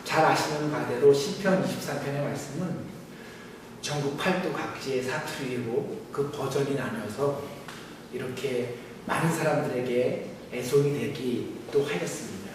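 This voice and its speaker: A man from Seoul, a pastor, preaching a sermon in a measured, solemn way with rising emphasis. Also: medium pitch, noisy background. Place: church sanctuary. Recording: echoey church hall, mic far off.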